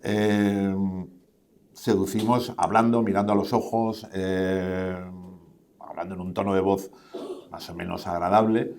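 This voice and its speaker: A man's voice: low voice, little pitch movement, a little slow, vocal fry, darkish tone, slight background noise. A man speaking on a conference panel, answering questions in a rambling way with many fillers and tag questions. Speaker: panel speaker on podcasting and advertising. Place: conference stage.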